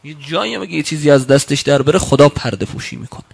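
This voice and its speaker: A man preaching a sermon, quoting Arabic sayings slowly and then explaining them, with emphatic rebukes that climb loud and high. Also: vocal fry, breathy edge.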